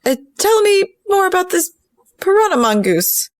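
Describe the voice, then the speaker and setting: A woman's voice: extremely high pitch, big pitch swings, moderate pace, dry recording. A woman playing a tabletop game, asking curious questions. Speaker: player. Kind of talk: casual tabletop game play.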